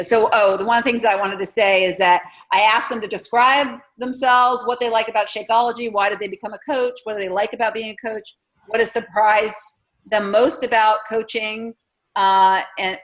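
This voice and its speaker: A woman hosting a webinar, explaining what comes next in a relaxed way. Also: mid-range voice. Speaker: webinar host. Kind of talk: presenting a webinar.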